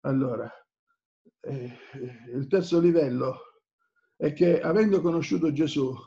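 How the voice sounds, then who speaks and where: A man's voice: on the high side, darkish tone. A man preaching an impassioned sermon, repeating phrases and growing angry as he presses his points. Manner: fervent, repetitive, rises in anger. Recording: dull lo-fi recording.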